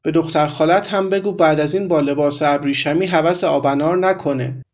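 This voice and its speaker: A tired, tearful young married woman answering in quiet, resigned lines, voiced by a man reading the story. Her voice sits a little high. She sounds close to the reader's own voice.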